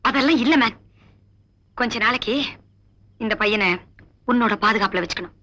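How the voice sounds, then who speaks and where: A woman's voice: on the high side, moderate pace, bright, forceful tone. An actress playing a stern, honest woman police officer who speaks firmly and scolds, in 1990s film dialogue. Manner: firm, scolding, commanding. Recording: dull old film soundtrack.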